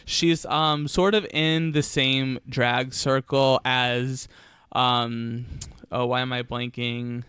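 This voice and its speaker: A man chatting casually as a podcast co-host, with a sassy, campy drag-queen manner and a halting, giggly delivery. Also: medium pitch, little pitch movement, fairly bright tone, smooth, dry recording, clean studio sound. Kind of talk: casual chat.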